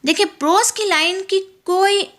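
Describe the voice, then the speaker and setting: Lady teaching poetry, high voice, reads english lines slow and careful. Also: a bit bright. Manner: explains in Urdu-Hindi, reads English passages slowly and carefully. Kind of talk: lecture.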